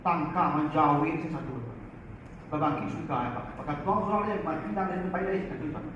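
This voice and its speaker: A man teaching in a lively Quran study lecture, often turning to his listeners. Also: a little high, moderate pace. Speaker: religious teacher. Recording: echoey far-off hall, dull lo-fi, faint noise.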